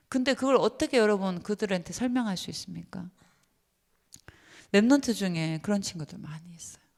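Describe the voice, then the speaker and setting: A woman giving a seminar lecture to church teachers, emphatic and lively, often putting questions to her listeners. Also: fairly low pitch, gravelly. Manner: lively and emphatic, asks the audience many questions. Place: church hall. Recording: long reverb of a church hall.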